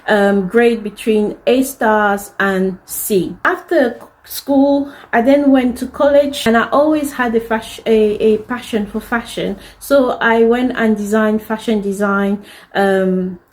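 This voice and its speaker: A woman's voice: medium pitch, a little mellow, poor audio. Earnest French-speaking woman telling her story. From DR Congo. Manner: earnest, candid and heartfelt. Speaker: fashion designer telling her life story. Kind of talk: personal story to camera.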